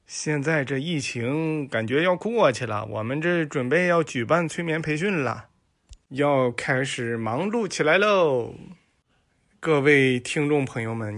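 A man hosting a joke podcast, telling comic stories in an animated way. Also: medium pitch. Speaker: host.

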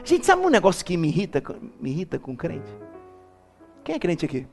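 A man preaching a lively church sermon as bishop, calling the congregation to repeat after him and building up to shouts. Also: fairly high pitch, moderate pace, creaky, faint music behind. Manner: animated, rising to shouts, calls congregation to repeat.

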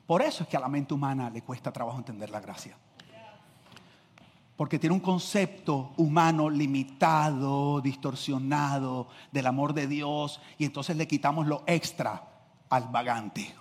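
Husky pastor preaching, voice sits high, long church hall reverb. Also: male voice, a little slow. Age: middle-aged. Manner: energetic, swings from shouting to quiet, acts out quotes. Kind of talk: sermon.

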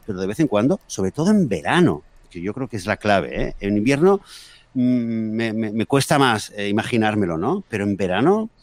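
A man's voice: fairly low pitch, big pitch swings, a little fast, no room sound. Rambling man telling a story, dry sound. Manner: rambling, storytelling with many fillers and restarts. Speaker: podcast co-host; father of daughters. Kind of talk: casual chat.

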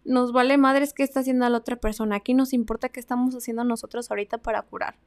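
A young woman with a Mexican accent hosting a casual advice podcast, chatty and slangy, swinging between loud emphasis and soft asides. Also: a little high, fairly even intonation, fast. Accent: Mexican Spanish. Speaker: podcast host.

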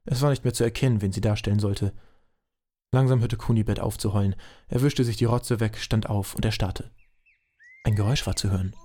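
Mellow-voiced male storyteller. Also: lowish voice. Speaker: narrator. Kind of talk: scripted audio drama narration.

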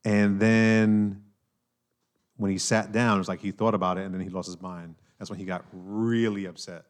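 A man from New York hosting a casual podcast chat, animated, repeating himself and filling with "like" and "right?". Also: lowish voice, moderate pace. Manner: animated, talks with hand-wavy fillers and repeats himself. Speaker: podcast host.

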